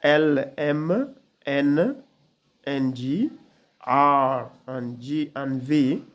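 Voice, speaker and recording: An English teacher reads out single example words one by one in a dictionary pronunciation manner, deliberate and instructional. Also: medium pitch. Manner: dictionary-style pronunciation, saying single words slowly and separately; deliberate, repeats key phrases. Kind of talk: spoken lesson with slow example words.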